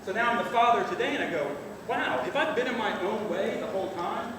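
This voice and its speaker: A middle-aged man gives an informal father of the bride speech, plain-spoken, salty and emotional, with halting delivery. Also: high voice, animated. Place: large reverberant reception room indoors. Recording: echoey hall, distant mic, noisy room.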